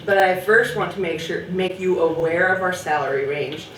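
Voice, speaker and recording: A woman's voice: on the low side, steady tone, normal speed, distant mic. A woman student at a casual gathering, reading a message aloud in a mock-formal tone. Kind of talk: casual party chat. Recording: roomy, off-mic, with background noise.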